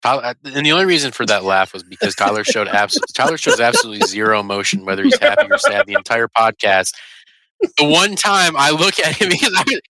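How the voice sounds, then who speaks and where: A man co-hosting a casual podcast, teasing his friends, laughing often and swinging from low mutters to loud outbursts. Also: very animated, fast talker, no echo, low-quality recording. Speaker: podcast co-host. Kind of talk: casual chat.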